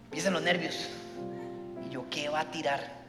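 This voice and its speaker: Animated preaching man in an echoey hall. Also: on the high side, moderate pace, loud music behind the voice. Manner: storytelling, acting out dialogue in a lively way. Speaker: pastor. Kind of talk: sermon.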